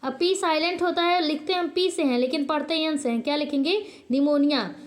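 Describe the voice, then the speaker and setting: Woman, teacher, high voice, online lesson, asks and answers own questions, hesitant self-corrections. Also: fairly even intonation, brisk. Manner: drills by asking and answering her own questions. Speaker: channel host.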